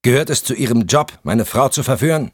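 A man voicing a furious, scornful middle-aged husband in an audiobook, loud and raised in pitch. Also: lively intonation, a little fast, husky, no echo, studio quality. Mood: mocking. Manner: scornful, shouting.

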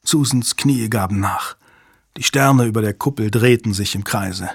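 A man's voice: lowish voice, normal speed, breathy edge, no echo, clean studio sound. A man narrating a thriller audiobook in a tense, dramatic reading.

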